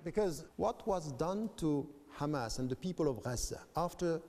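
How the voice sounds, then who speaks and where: A man's voice: fairly high pitch, animated, moderate pace, darkish tone, slight background noise. A man, an academic guest in a debate interview, speaking emphatically with stammering restarts. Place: debating hall with an audience. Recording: long hall reverb.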